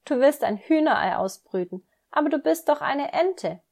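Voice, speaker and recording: A woman voicing a cheerful young boy animal friend in a children's story, lively and teasing. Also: high-pitched, moderate pace, vocal fry, pitched above the performer's own voice.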